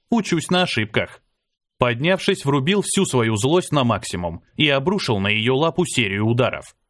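A man narrates a first-person fantasy audiobook in a mid-pitched voice. His reading is dramatic and climbs in pitch and force on the cries of battle. The sound is dry and close, with no room around it. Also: dry recording. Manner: dramatic, lifts pitch and volume for shouted lines.

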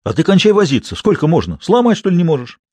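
A man's voice: a little high, huge pitch swings, brisk, husky, dry recording, voice pushed up, full character voice. A man voicing a whiny, touchy drunk young male thief who talks in coarse slang. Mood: indignant.

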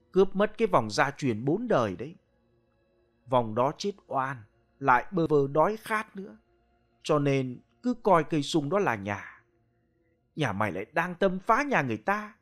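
A man's voice: a little high, big pitch swings, moderate pace. A man voicing a stern female village shaman who hisses and scolds. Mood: scolding. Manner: hissing, scolding.

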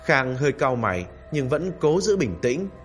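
A man narrating a story in a steady, dramatic storytelling manner. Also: medium pitch, moderate pace. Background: faint background music.

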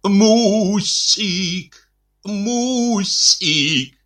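A man voicing a plump, spoiled middle-aged engineer who calls out in a sing-song baby-talk voice and turns shrill when flustered. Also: drawn-out words, a bit bright, soft background music, exaggerated voice. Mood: cooing, whiny.

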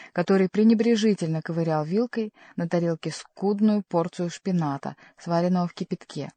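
Dark-voiced woman reading a novel. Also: fairly low pitch, no echo. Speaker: audiobook reader. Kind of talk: scripted narration.

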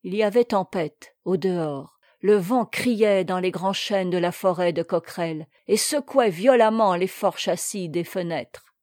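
A woman reading a classic tale aloud in a measured, expressive way. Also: fairly low pitch, no room sound, clean studio sound. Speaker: audiobook narrator. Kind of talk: storybook reading.

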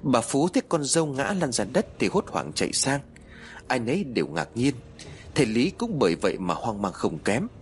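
A man narrating a horror story in a dramatic, expressive way. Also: mid-range voice, moderate pace, faint music behind.

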